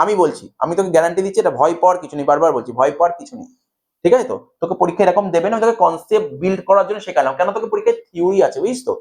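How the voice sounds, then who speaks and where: A man's voice: high-pitched, darkish tone. A male commerce tutor with a Bengali accent, giving a whiteboard math lecture and coaxing students with constant checks that they follow. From India.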